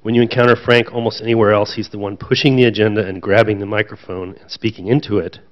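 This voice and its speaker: Dull, lo-fi event audio captures a panel speaker, an association president, making conference remarks before an audience. His voice is lowish and flat and he talks fast, keeping things chatty with mild self-deprecating humor.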